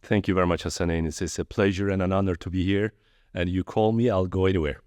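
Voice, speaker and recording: A friendly man from Turkey in his forties speaks as a podcast guest with a very low, deep voice. The sound is dry and close to the mic, with no room around it. He talks in a relaxed, conversational way. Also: fast talker, no room sound. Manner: friendly, storytelling with animated quoted voices. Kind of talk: casual interview conversation.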